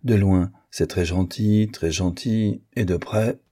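A man reading an audiobook, voicing a lively, frank divorced American woman in a brisk, animated manner with a husky voice. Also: low-pitched, full character voice. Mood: playful.

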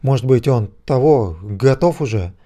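A man's voice: mid-range voice, lively intonation, measured pace, mellow, lightly acted. A man voicing a frightened, whiny young bandit who pleads and hesitates, in a storybook reading. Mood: pleading.

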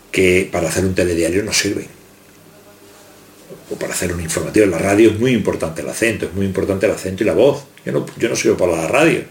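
A male journalist with a fairly low voice gives his opinion in a reflective way, now and then restarting a phrase. The recording is roomy and echoey, with a faint background noise. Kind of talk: street interview answer.

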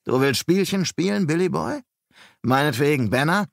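Brash male detective, scornful and needling, read by a man in a raised, gravelly register. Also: a little high, expressive, normal speed, dry recording, clean studio sound, pitched above the performer's own voice. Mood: contemptuous.

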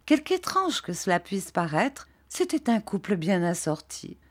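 A woman narrating a classic novel as an audiobook reader, in a measured, even manner. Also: medium pitch.

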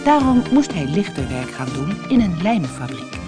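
Expressive woman reading a children's story. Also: lowish voice, normal speed, over music. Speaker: storybook narrator. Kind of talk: scripted narration of a children's story.

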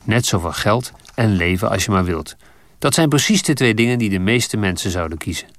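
A man doing a calm old wizard headmaster. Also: lowish voice, a little fast, dry recording, clean studio sound. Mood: calm, wise. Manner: calm, gently explaining. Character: old wise male headmaster, calm and kindly.

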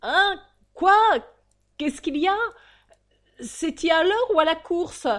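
A woman's voice: extremely high pitch, takes it slowly, fairly bright tone, pitched above the performer's own voice, exaggerated voice. A woman voicing a sleepy, coarse male cab driver who grumbles in slang, in an audiobook. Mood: grumbling.

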